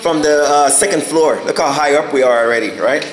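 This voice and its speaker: Holding a phone camera, a man walks through an empty house, indoors and out on the balconies, giving a casual tour. He rambles and hunts for words with plenty of fillers, talking a little fast in a fairly high voice over poor audio.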